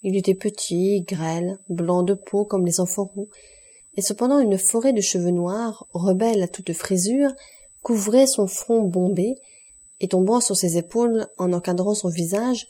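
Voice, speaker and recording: A woman narrating a classic novel as an audiobook, in a steady, expressive reading voice. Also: mid-range voice, unhurried.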